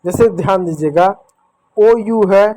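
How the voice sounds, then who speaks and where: A man teaching children a phonics lesson, going slowly through each letter sound. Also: sits high, mellow. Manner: slow, repetitive, drills each letter sound step by step.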